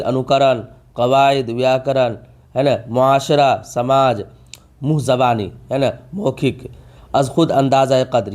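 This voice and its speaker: A man's voice: mid-range voice, a little mellow. Guy with drilling vocab for an exam, says each word twice, stretches key words. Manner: repeats each term and asks rhetorical questions; drawn-out emphasis on key words. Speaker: teacher. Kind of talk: exam-prep vocabulary lesson.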